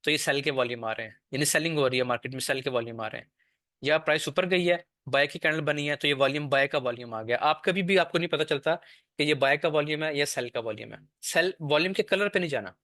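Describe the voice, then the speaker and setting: A man's voice: fairly high pitch, quick pace, fairly bright tone, no echo, clean studio sound. Man teaching trading in speech. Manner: explanatory, checks in with "ठीक है?" often. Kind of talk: screen-share lesson.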